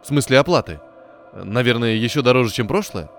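A man voicing a desperate fugitive, low and tense, breaking into shouts. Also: fairly quick, faint music behind, lightly acted. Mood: wary. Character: desperate hunted fugitive man, young adult.

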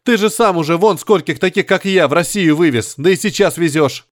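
A man's voice: high voice, a little fast, no room sound, clean studio sound, pitched above the performer's own voice, natural voice. A man voicing a grieving middle-aged male doctor who speaks in a raised, bitter, agitated way. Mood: bitter pleading.

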